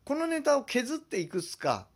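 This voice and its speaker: Animated high-voiced man. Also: normal speed, breathy edge. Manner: lively, animated, self-deprecating, explains his impressions. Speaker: podcast host. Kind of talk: solo comedy talk show.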